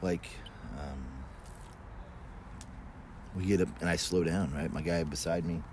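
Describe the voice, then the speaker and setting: A man's voice: low voice, steady tone, unhurried, darkish tone. A man telling a personal story in a casual, conversational fireside storytelling manner, with loose colloquial phrasing. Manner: colloquial, mild swearing. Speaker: guest telling personal stories. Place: outdoors in a backyard. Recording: noisy outdoor ambience with vehicle sounds.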